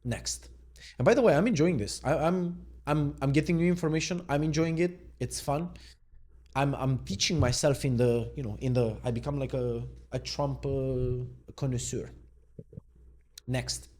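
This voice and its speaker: Relaxed male coach for an off-the-cuff reaction clip; thinks out loud, mid-range voice. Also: mid-range voice, moderate pace. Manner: musing, thinks aloud and questions what he reads; easygoing, laid-back. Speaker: mindset coach. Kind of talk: unscripted reaction video.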